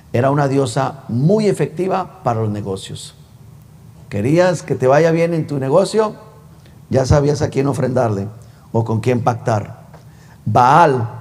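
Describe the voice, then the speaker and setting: A man's voice: medium pitch, darkish tone. A male pastor preaching a sermon in a conversational, teasing way, full of rhetorical questions. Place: church sanctuary. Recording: long church reverb.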